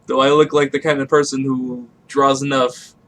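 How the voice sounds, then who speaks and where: A man's voice: medium pitch, level tone, normal speed, fairly bright tone, rough recording. A man chatting casually as a co-host on a stream, teasing and sarcastic. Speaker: co-host friend. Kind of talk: casual chat.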